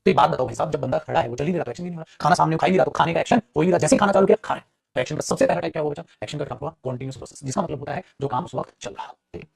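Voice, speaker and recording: A man teaching English grammar in a lively classroom manner, calling students "beta" and answering his own questions. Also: rapid-fire, gravelly, a crowd in the background. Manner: acts out students' replies in a lower voice.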